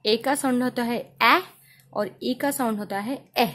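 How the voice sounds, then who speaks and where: A woman with an Indian accent teaching letter sounds for children, saying each sound slowly and repeating it. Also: fairly high pitch, fairly bright tone. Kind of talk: phonics lesson for children.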